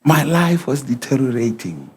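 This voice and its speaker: A man's voice: medium pitch, sing-song, extremely slow, a little hiss or hum. A male guest preacher speaking in short phrases through an interpreter, calling out hallelujah and asking the crowd questions.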